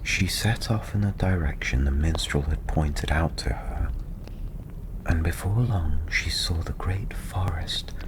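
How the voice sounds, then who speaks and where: Speaking low and breathy, a man quietly recounts a fantasy story for ASMR, often nearly whispering and leaving long, unhurried pauses. The audio is low quality.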